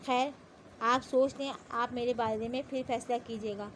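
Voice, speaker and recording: A woman voicing a calm, persuasive police officer. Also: very high voice, slight background noise. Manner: soft-spoken, calm and persuasive. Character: gentle, confident young male police officer.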